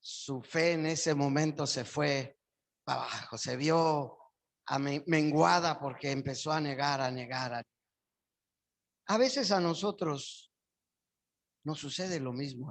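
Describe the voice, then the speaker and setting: A man's voice: on the high side, unhurried, creaky. A male pastor preaching a sermon in church, his voice surging up with emphasis on key phrases.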